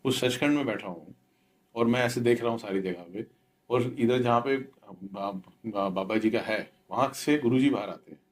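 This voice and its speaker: A middle-aged man, earnestly telling a devotional story and mixing in English words. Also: mid-range voice. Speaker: devotee sharing his experience. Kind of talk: spoken devotional testimony.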